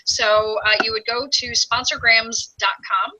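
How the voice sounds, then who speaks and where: Youth minister, woman, webinar presenter; slightly high, husky, chatty delivery. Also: level tone, measured pace, sharp tone, lo-fi sound. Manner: chatty, explanatory, frequent "um". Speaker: app creator and parish youth minister.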